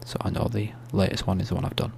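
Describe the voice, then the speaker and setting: A soft-spoken man giving an ASMR-style screen tutorial, explaining steps in a hushed, unhurried, informal way. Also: deep voice, little pitch movement, gravelly. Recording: faint hum and background noise.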